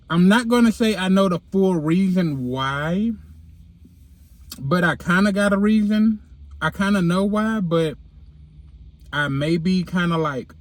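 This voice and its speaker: High-voiced man with a lisp, whistling s. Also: no echo. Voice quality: lisp with whistling s from dental aligners. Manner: slangy, candid, sassy. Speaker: vlogger, podcast host. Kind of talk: casual chat to followers. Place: inside a car. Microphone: handheld phone.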